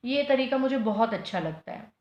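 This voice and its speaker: A woman's voice: on the high side, animated, moderate pace, darkish tone. A woman reading tarot piles in a casual video, earnest and pleading, mixing English phrases into her talk. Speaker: tarot reader. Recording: echoey, dull lo-fi room sound.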